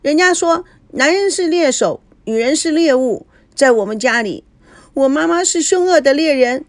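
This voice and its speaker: A woman doing a cheeky little girl, high and sassy. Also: lively intonation, moderate pace, no echo. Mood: sobbing complaint. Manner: pert and teasing.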